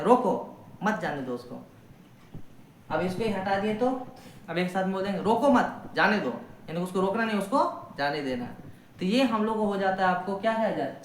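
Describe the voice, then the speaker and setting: Man as a grammar teacher, chatty and questioning, roomy echo, faint hiss behind. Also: fairly high pitch. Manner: explains step by step, asks the class questions; colloquial, folksy sayings, reads examples slowly. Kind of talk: online grammar lesson.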